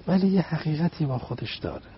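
A man as a religious guest speaker, explaining poetry through a story in animated, rhythmic phrases. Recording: slightly dull with faint rumble.

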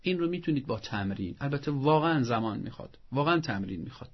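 Male advice expert for a talk show, husky voice, patient and instructive, muffled broadcast quality. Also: mid-range voice. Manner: calm, instructive, lists steps and examples.

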